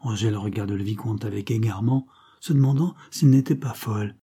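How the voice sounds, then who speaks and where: A man's voice: lowish voice, brisk, warm tone, breathy edge. A man narrating an audiobook as a dramatic scripted reading.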